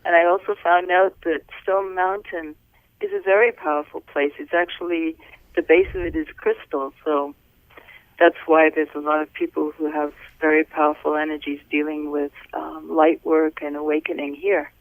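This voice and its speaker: A middle-aged woman from Wales, a physician guest on a podcast, speaking softly and unhurriedly, with many pauses, over a phone call. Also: low voice, flat delivery, no echo. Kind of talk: casual interview talk. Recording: tinny phone line.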